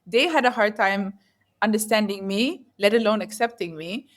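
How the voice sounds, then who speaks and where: A woman's voice: medium pitch, moderate pace. Earnest woman searching for words. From Netherlands. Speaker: guest entrepreneur. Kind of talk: reflective interview talk.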